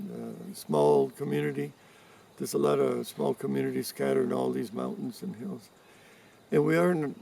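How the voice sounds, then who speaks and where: A man in his seventies from Cuba, giving interview answers in a measured way with pauses and restarts. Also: medium pitch, gravelly, mellow. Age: 70s. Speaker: interviewee, environmental activist. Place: rural farm in mountains. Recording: distant mic with faint background noise.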